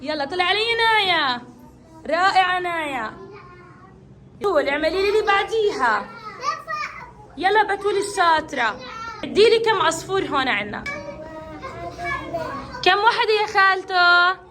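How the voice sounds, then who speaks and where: A woman's voice: very high-pitched, animated, moderate pace, long pauses, over music. A woman teaching a classroom of young children to count, coaxing and praising each child in turn. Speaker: kindergarten teacher.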